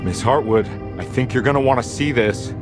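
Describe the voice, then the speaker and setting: An actor playing a weary, dogged private detective in a video game, edgy and sardonic, with music behind him. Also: male voice, mid-range voice, moderate pace, natural voice. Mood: exasperated. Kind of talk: video game cutscene acting. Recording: background music under the voice.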